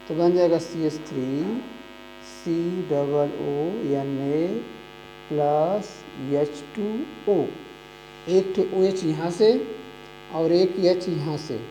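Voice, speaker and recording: A chemistry teacher explains a lesson slowly and repetitively, spelling out formulas letter by letter. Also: medium pitch, dark tone, slight background noise, poor audio. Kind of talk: classroom-style lesson explanation.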